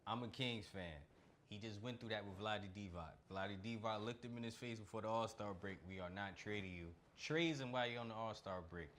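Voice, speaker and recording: Low-voiced laid-back man. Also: a little fast, fairly bright tone, slight background noise. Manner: laid-back, slangy, hedging. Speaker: podcast co-host. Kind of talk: casual sports chat.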